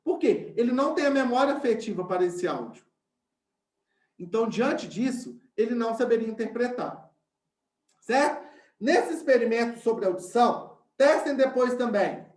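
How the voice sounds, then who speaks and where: A man's voice: very high voice, animated, normal speed, a little mellow, echoey room. A male science teacher, giving an online class and explaining step by step while often checking in with his students.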